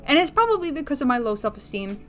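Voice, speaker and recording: A woman's voice: sits high, sing-song, fast, a bit bright. A woman vlogging in a casual, rambling way, a bit out of breath, full of filler words, restarts and blunt swearing. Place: bedroom.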